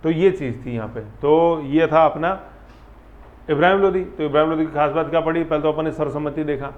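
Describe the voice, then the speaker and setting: A man teaches a history lesson with a fairly high, lively voice. He keeps asking rhetorical questions and acts out little scenes as he goes. The audio is slightly muffled and lo-fi. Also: brisk. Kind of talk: classroom lecture.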